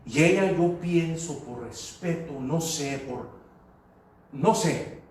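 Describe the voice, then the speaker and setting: High-voiced pastor in echoey church. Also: male voice, slow pace, darkish tone, a little hiss or hum. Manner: storytelling, switching into English phrases. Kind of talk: preaching a sermon. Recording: echoey hall, voice from far off.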